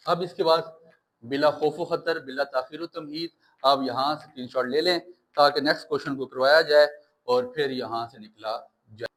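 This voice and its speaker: A man's voice: fairly high pitch, normal speed, a bit bright, low-quality recording. Reassuring male maths teacher, Pakistani Urdu accent. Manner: coaxing, reassuring, mixes English maths terms into Urdu, calls students sir and bachay. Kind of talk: recorded maths lesson.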